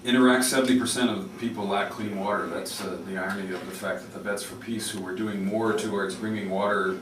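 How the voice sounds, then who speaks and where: A man's voice: on the low side, steady tone, quick pace, a bit bright. A man interviewing as a public radio host, talking in a conversational, informed way. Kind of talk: casual interview talk with interjections. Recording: roomy, distant mic with faint noise.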